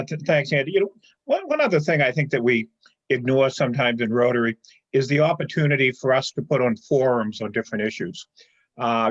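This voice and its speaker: A man's voice: mid-range voice, no room sound. A man speaking up on a video call, rambling with many fillers. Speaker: club member. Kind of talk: casual remarks on a video call. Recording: muffled video call audio.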